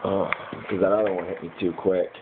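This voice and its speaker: A man's voice: low-pitched, level tone, brisk. An American man in a casual, rambling recounting of his dreams, hazy and puzzled as he gropes to remember. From United States, Michigan. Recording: muffled lo-fi with clear background noise.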